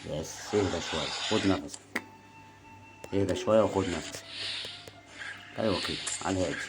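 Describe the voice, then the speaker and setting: A man with an Egyptian Arabic accent giving casual gameplay commentary, chatty and coaxing, teasing his opponent, with bursts of excitement. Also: sits low, fairly quick, heavy background noise. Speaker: gaming video host. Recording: game music behind the voice.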